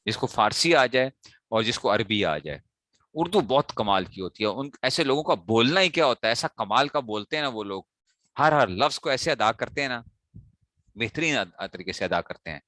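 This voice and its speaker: A man teaching a morning class, correcting mispronounced words by repeating them slowly and checking that students follow. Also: mid-range voice, animated, pushed and bright, dry recording, studio quality. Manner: asks students checking questions. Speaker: teacher of Arabic morphology. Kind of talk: classroom lecture.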